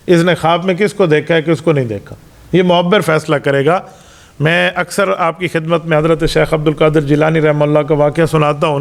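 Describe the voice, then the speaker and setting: A middle-aged man preaches a Ramadan Quran lesson with a fairly high voice for a man. He tells religious stories, gives each quoted speaker a voice of his own, and presses his points home with emphasis. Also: a bit bright. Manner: storytelling, acts out quoted dialogue; explanatory, emphatic. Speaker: mufti, Islamic preacher.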